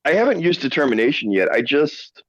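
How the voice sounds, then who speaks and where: Man, tabletop game player, tentative, polite, mid-pitched, dull lo-fi recording. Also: big pitch swings, brisk. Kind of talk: casual tabletop game play. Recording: dull lo-fi sound.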